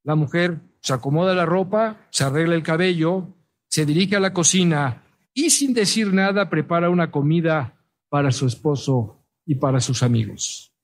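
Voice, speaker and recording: A man preaching with a somewhat high voice. He pleads earnestly and repeats his appeals, pausing on filler sounds as he tells a story to the congregation. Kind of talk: evangelistic sermon.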